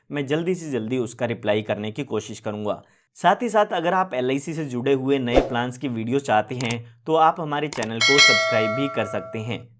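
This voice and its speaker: A man explaining an insurance plan step by step in a steady, methodical way. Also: medium pitch. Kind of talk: informational video explainer.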